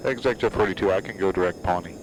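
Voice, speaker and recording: A man's voice: sits low, quick pace. A man as a pilot over the radio in a home simulator cockpit, speaking procedurally and thinking aloud. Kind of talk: pilot over the radio mixed with muttered commentary. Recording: loud simulated aircraft noise behind voice. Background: loud aircraft cockpit noise.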